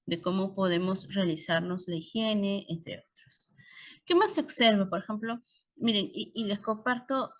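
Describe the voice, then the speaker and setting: A middle-aged woman with a Peruvian Spanish accent lectures on obstetrics in an online course. She talks conversationally, leaning on tag questions and stories from her practice, at an ordinary pitch for a woman. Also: moderate pace. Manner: conversational, shares clinical anecdotes, frequent tag questions.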